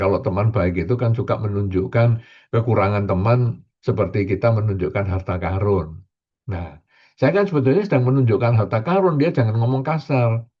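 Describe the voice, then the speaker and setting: An older man, a Buddhist monk, giving a Dhamma talk as a sermon, acting out quoted complaints in a raised voice. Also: medium pitch. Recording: dull lo-fi recording.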